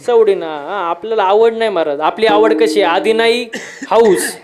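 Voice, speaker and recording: High-voiced man preaching a comic kirtan. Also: moderate pace, a little mellow. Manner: quizzes the crowd for call-and-response answers; storytelling with repeated refrains. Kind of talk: humorous devotional kirtan sermon.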